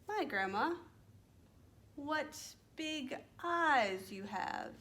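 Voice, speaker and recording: Lady doing a wide-eyed little fairytale girl, high voice, slow exaggerated innocent delivery. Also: lively intonation, sharp tone, heavily acted. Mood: wondering. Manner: wondering, exaggerated emphasis.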